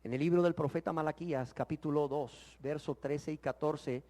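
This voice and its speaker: A man teaching the Bible in sermon style, emphatic and full of rhetorical questions, swinging from loud exclamations to hushed words. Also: fairly high pitch, fairly even intonation, moderate pace.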